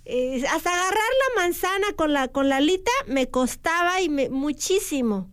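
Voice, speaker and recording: A woman's voice: high-pitched, lively intonation, normal speed. A good-humored female seagull, played by a woman, speaks. She fills her talk with cute diminutives, as on a children's radio show.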